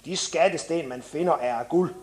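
A man's voice: a little high, lightly acted. A man voicing a skeptical boy who grumbles and doubts. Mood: doubtful.

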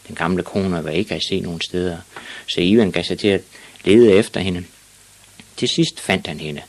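A man reading a children's story aloud in a steady, plain storytelling manner. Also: low-pitched. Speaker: audiobook reader. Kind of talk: storybook narration.

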